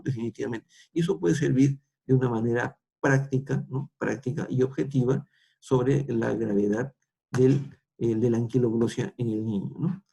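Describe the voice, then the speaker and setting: A man's voice: medium pitch, vocal fry, warm tone, breathy edge. A middle-aged man with a Peruvian accent, lecturing students and tagging nearly every phrase with a question, with frequent restarts. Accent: Peruvian Spanish. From Peru.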